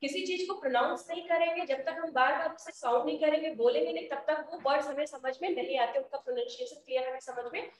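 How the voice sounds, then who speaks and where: A young Indian woman teaching an English lesson to children, explaining slowly in a mix of Hindi and English. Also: high voice. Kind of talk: online class lesson. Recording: echoey, distant from the mic.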